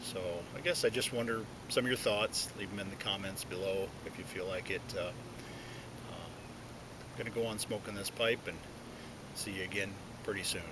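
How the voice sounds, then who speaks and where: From his seat inside a hollow tree, a man who vlogs about pipe smoking talks reflectively to viewers in a steady tone. He speaks around the pipe in his mouth with a halting rhythm. Background noise and a low rumble fill the outdoor recording.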